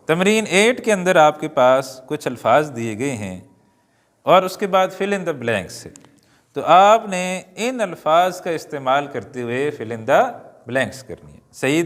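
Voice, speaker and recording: A man teaching an Arabic lesson, reading words slowly and adding joking asides to his students. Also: fairly high pitch. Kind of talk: classroom-style lesson. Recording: long hall reverb.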